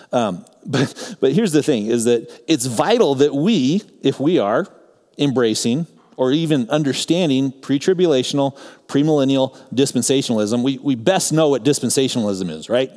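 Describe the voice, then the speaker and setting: A middle-aged man pastor giving a conversational teaching sermon, moving between emphatic points and quiet asides. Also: mid-range voice. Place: church sanctuary. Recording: long church reverb.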